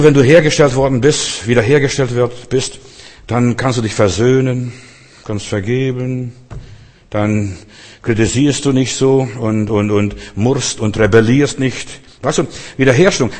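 A man's voice: medium pitch, a little mellow. A man preaching a sermon, earnest and repetitive, speaking straight to his listeners. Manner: earnest, repeats phrases, addresses listeners directly. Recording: long reverb of a church hall.

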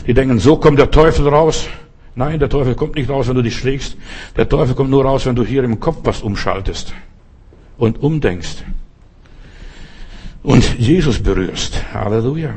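Older guy pastor preaching, husky voice, slows way down to hammer points home. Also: medium pitch, darkish tone. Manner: preaching with slow emphatic repetitions. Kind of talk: sermon.

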